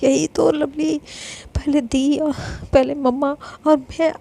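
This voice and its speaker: A hurt older sister who refuses and accuses, stumbling over repeated words, voiced by a woman telling the story. Her voice sits high with a gravelly fry. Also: little pitch movement, dark tone, full character voice. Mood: accusing. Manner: pleading, accusing, halting repeats. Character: tearful, defiant older sister about to be wed. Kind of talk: dramatized story reading.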